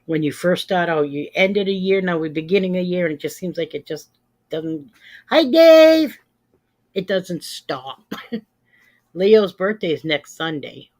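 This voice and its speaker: Chatting casually with live viewers, this livestream host in her fifties speaks a little slowly in a fairly low-pitched voice. Her style is plain and emphatic, with phrases repeated for stress.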